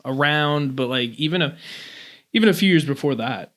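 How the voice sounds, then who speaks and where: A man's voice: on the high side, normal speed, a bit bright. An American man co-hosting a podcast, chatting casually and with a joking manner. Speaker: podcast co-host. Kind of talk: casual chat.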